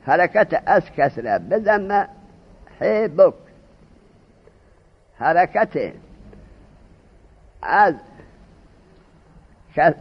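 A man teaches a class, his voice high and swinging widely in pitch. The tone is husky, and he keeps questioning his students and repeating key terms. The recording sounds dull and lo-fi. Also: big pitch swings, pauses often. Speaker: teacher of Arabic morphology. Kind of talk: classroom lecture.

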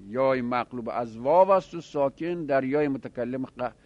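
A man teaching a grammar class, explaining rules step by step and quizzing his students with quick questions. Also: mid-range voice, no room sound, highs cut off.

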